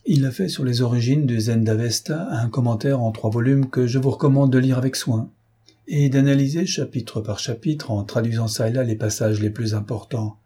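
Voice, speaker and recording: A man's voice: mid-range voice, moderate pace, mellow, husky, lightly acted. A man reading an audiobook, voicing a pompous, stingy older male scholar who lectures his young assistant. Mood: instructing. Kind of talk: audiobook character voice.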